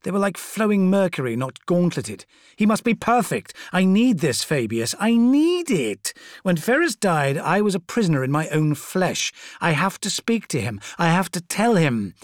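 A man's voice: high-pitched, very animated, normal speed, no room sound, clean studio sound, pitched above the performer's own voice. A man voicing a vain, volatile male serpent-bodied demigod who snaps and sneers. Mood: desperate. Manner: imperious, petulant, snapping.

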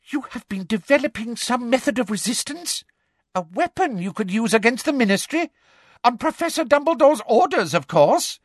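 A performer voicing a domineering, greedy middle-aged female official in an audiobook, sharp and demanding, with a falsely sweet streak. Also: medium pitch, very animated, unhurried, dry recording, clean studio sound, pitched above the performer's own voice. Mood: excited.

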